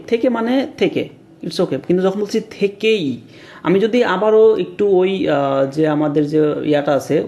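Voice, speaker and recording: Guy teaching grammar for an exam, kinda high voice, lots of umms and rhetorical questions. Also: dark tone. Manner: explains step by step, many fillers and rhetorical questions; mixes English words into his talk. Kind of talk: exam-prep lecture over slides.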